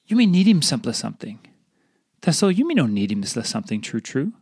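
A man's voice: a little high, big pitch swings, brisk, darkish tone, husky, no echo, studio quality. Papua New Guinean man reading a devotional. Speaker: devotional reader. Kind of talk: scripted devotional reading in Tok Pisin.

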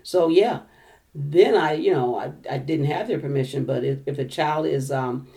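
A woman's voice: deep voice, moderate pace, dark tone. A woman working as a school social worker, talking frankly and earnestly in a casual interview. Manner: earnest, speaks in plain frank statements.

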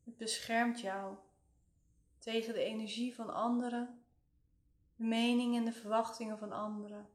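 A woman leading a guided relaxation meditation in a soothing, gentle way, leaving long pauses. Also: on the high side, level tone. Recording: roomy, echoing voice recording.

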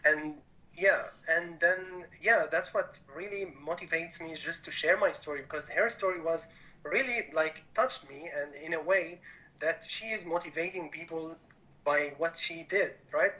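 Earnest Syrian-born man, bright voice. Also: on the high side, normal speed, muffled recording. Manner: earnest, rephrases often in non-native English. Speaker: podcast guest. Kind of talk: conversational interview.

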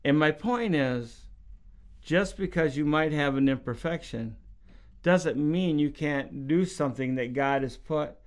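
A man's voice: a little high, measured pace. A middle-aged man, a preacher, talking casually about faith and telling stories, acting out quotes in a raised voice. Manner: storytelling, acts out quotes in raised voice. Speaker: preacher and podcast guest.

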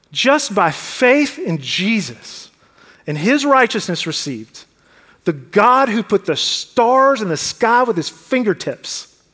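Long church hall reverb surrounds this high-pitched, fairly bright male voice. He is a pastor delivering a sermon in a church sanctuary, speaking earnestly and conversationally while asking the congregation rhetorical questions.

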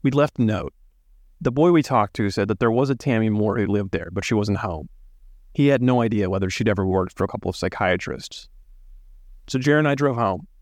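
A man with a fairly low voice tells a true-crime story in careful, scripted narration. His delivery is measured and reflective. Faint music plays softly beneath him. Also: no echo, clean studio sound. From Alabama. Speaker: podcast narrator.

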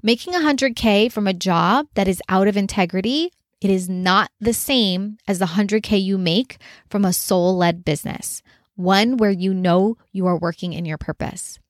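A woman's voice: mid-range voice, normal speed, dry recording, clean studio sound. A woman business coach talking earnestly in a casual solo monologue, often using filler words like "like". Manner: earnest, conversational, frequent "like" fillers.

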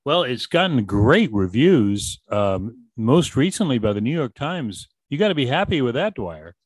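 A man from Boston hosting an interview, asking long, halting questions full of restarts. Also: mid-range voice, very animated, husky, no echo. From Boston, USA. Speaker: radio host.

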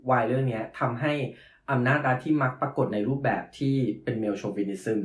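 A man taking part in a casual academic podcast discussion, thoughtful and measured, often agreeing with the others. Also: mid-range voice. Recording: roomy echo.

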